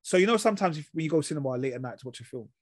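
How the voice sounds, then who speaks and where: A man with a London roadman accent hosts a casual TV review chat. His voice sits a little high for a man and his talk is full of street slang. The sound is very dry, with no room on it. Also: animated, very fast, no room sound. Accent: London, urban street slang. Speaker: podcast host.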